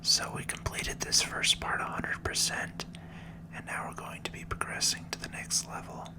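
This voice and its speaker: A host narrates a video game playthrough as ASMR, whispering slowly and gently in a breathy, soft voice meant to soothe.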